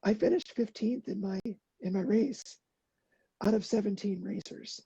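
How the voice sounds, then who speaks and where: Speaking earnestly as a podcast guest, this middle-aged woman, an endurance athlete, halts with fillers and restarts in a relaxed, casual interview. Her medium-pitched voice is very dark and husky, with gravelly fry and a slight hoarseness. The audio is dry and a little muffled, with no echo.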